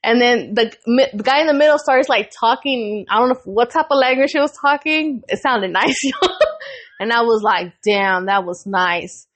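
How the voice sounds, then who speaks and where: Animated, profane young woman storyteller. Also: fairly high pitch, moderate pace. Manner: animated, profane, laughs often. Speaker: podcast co-host. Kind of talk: casual storytelling chat.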